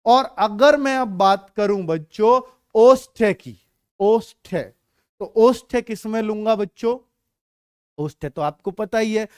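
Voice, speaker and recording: एक पुरुष शिक्षक ऑनलाइन कक्षा में बच्चों को हिंदी वर्णमाला पढ़ा रहा है, मज़ेदार किस्से सुनाता है और बच्चों की नकल करके दिखाता है।. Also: male voice, sits high, a little slow, smooth, dry recording, clean studio sound. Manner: playful, uses silly stories and acts out children. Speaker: teacher. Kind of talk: online Hindi grammar class.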